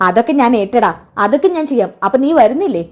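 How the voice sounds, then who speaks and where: A woman's voice: on the high side, expressive, fast, darkish tone, lightly acted. A woman voicing a scheming young man who tells his friend tales about the friend's wife. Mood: sly.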